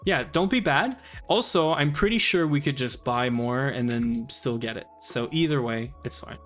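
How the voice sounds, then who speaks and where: A man with a Canadian accent, chatting casually while playing a game on stream and thinking out loud. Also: mid-range voice, normal speed, faint music behind. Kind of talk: casual gaming commentary.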